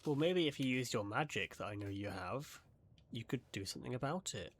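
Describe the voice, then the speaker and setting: A man's voice: medium pitch, animated, fairly quick, a little hiss or hum. A man casually commenting while playing a game, making chatty, wry asides to what the narrator says. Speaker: game streamer. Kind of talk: casual let's-play commentary.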